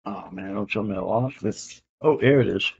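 A gravelly, low-voiced comic collector rambles casually at a normal speed over slight background noise. He's unboxing an auction win, relaxed and heavy on "uh" fillers, saying "man" and "I can dig it." He's in a room at home with comic art on the walls, recorded with dull lo-fi camera audio.

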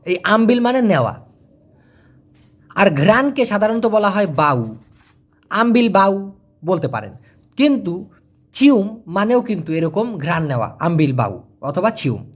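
A man's voice: sits high, big pitch swings. A man, teaching a casual vocabulary lesson, spelling out letters and repeating each word. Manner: explains slowly, spells out letters, repeats words. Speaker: language teacher.

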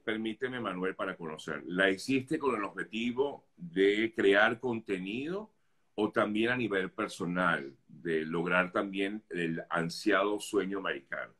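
A man's voice: low-pitched, unhurried, a bit bright. A male journalist interviewing a guest with courteous, probing questions.

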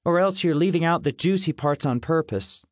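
A woman's voice: low voice, big pitch swings, moderate pace, dry recording, studio quality, pitched above the performer's own voice. A male audiobook narrator voicing a harsh, blunt young woman who teases and mocks crudely. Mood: teasing. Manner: mocking and crude.

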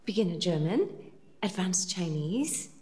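An actress playing a hesitant young woman interviewing for a secretary job, answering in halting, soft replies. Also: on the low side, sing-song.

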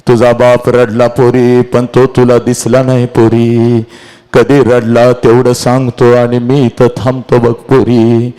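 A man's voice: medium pitch, monotone, unhurried, mellow, clean tone. A middle-aged man giving an emotional motivational lecture to a large audience, dramatic and repeating his phrases as he speaks straight to his listeners.

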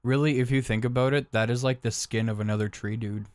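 A man's voice: mid-range voice, fairly even intonation, fast, darkish tone, no room sound. Young guy, rambling let's-play co-host, swears easily, dry close voice. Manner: rambling, swears freely, jokey. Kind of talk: casual gameplay chat.

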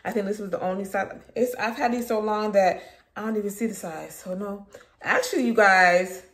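A woman with a mid-range, slightly bright voice talks a little fast in a casual lifestyle vlog filmed in rooms at her home, repeating her phrases often. Background noise and a roomy echo come through.

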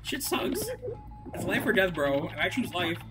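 A woman's voice: fairly low pitch, fairly quick. A woman streaming a horror game with friends, joking around in casual chat and swearing freely. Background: game music and typing.

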